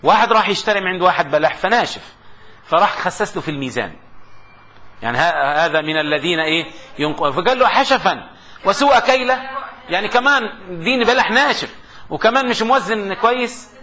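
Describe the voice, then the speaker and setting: Man, middle-aged, classroom grammar lecture, lively dictation, muffled recording. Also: high voice, fast, a little hiss or hum. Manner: lively, repeats terms for dictation, jokes with students.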